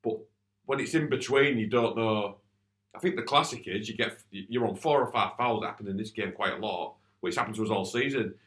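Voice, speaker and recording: Low-voiced man venting about refs. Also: a little fast, a bit bright. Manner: plain-spoken, frustrated, many restarts. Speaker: futsal coach and podcast co-host. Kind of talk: casual podcast chat.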